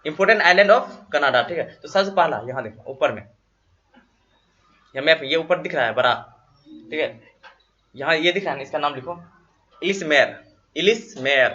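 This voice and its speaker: Teacher, male, slightly high and bright, dictates notes and quizzes the class; dull lo-fi classroom recording. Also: animated. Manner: dictates notes slowly, repeating words and asking students questions. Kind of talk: classroom geography lesson.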